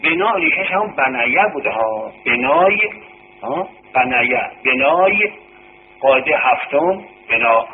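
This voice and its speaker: A man's voice: on the high side, lively intonation. A man tutoring Arabic grammar informally, patiently repeating terms and quizzing his student. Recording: tinny phone-like recording with background noise.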